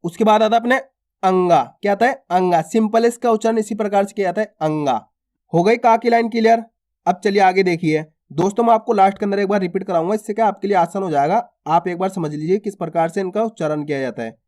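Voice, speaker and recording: A man giving an alphabet reading lesson. He stretches each letter sound slowly and carefully, then repeats simple example words. He talks to his viewers as friends and keeps asking whether they have understood. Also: sits high, a little mellow. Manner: addresses listeners as friends and asks if they follow. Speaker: Hindi reading teacher.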